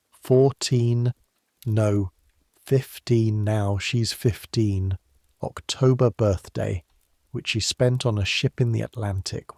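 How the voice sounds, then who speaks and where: Low gravelly guy reading a sleepy history story, slow and calm, dry close sound. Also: no room sound. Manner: measured, unhurried, softly grave. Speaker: narrator. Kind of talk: calm second-person history narration for sleep.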